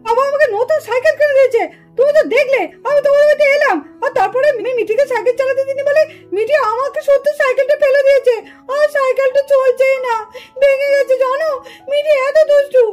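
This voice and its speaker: Brief: woman voicing a whining, tattling puppet-show boy, very high voice. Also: fairly even intonation, fast talker, a little mellow. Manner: whining, complaining. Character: whiny little boy, tattling.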